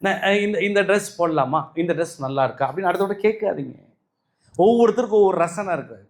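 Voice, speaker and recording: A man with a Tamil Nadu accent preaches to his followers in a raised, high voice. He hammers points home with repetition and rhetorical questions, calling out to the listeners directly. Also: lively intonation, fast talker. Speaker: spiritual speaker. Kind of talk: spiritual talk to followers.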